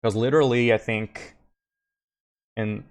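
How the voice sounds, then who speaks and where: A man from Quebec speaks with a Québécois French accent in a mid-range, clean voice, keeping a steady tone and measured pace. He's streaming a live card game, thinking aloud through his plays with frequent fillers and easygoing asides to chat.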